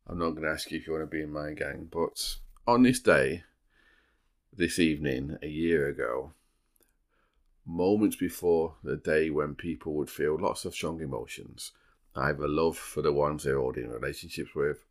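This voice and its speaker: A man's voice: extremely low pitch, moderate pace. A man hosting a true crime podcast, moving between casual banter and storytelling, with a dry, teasing humour. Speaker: podcast host.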